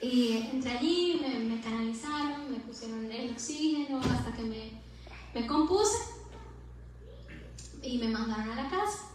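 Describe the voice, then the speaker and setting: A woman preaching a personal testimony in a church, fervent and rising to loud exhortation. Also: fairly high pitch, animated, measured pace, pauses often, slight background noise. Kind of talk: impassioned sermon testimony. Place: church sanctuary. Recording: very echoey hall, distant mic.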